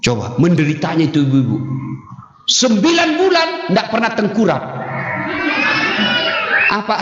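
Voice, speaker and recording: A man's voice: high-pitched, huge pitch swings, measured pace, pauses often, heavy background noise. A middle-aged man preaching a humorous sermon, joking and quizzing his audience. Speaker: Islamic preacher. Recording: echoey hall, dull sound.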